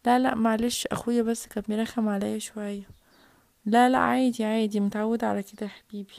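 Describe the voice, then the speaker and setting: A woman voicing a huffy, dramatic big sister toy figure with an Egyptian Arabic accent, loud and indignant. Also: a little high, flat delivery, quick pace, vocal fry, dry recording.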